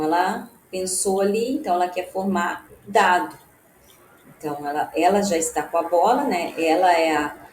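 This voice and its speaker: Slow, low-voiced woman explaining a lesson. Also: a little mellow, reverberant, a little hiss or hum, rough recording. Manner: halting, frequent "né?" tags and restarts. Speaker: teacher presenting classroom activities.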